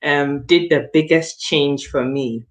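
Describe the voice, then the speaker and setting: Low-pitched and slow, a woman in her late thirties speaks as a guest. Her personal testimonial is conversational, and she drives points home emphatically by repeating phrases.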